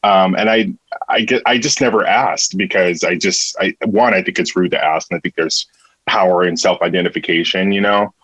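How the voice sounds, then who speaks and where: A man's voice: low voice, fairly even intonation, normal speed, fairly bright tone, breathy edge, dry recording, poor audio. A man who works as a theatre director, talking earnestly in a casual conversation and often restarting and repeating words.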